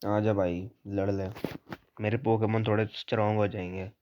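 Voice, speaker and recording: A man's voice: lowish voice, flat delivery, normal speed, muffled recording, noisy background. A young man doing casual let's-play commentary, chatty, teasing the characters and reading their lines aloud. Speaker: gaming YouTuber.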